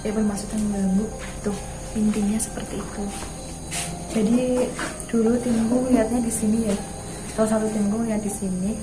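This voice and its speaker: A woman's voice: mid-range voice, steady tone, normal speed, long pauses, music in the background, low-quality recording. A woman hosting a casual night exploration vlog, speaking in a nervous, hesitant way and often repeating her words. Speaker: vlog host exploring empty houses.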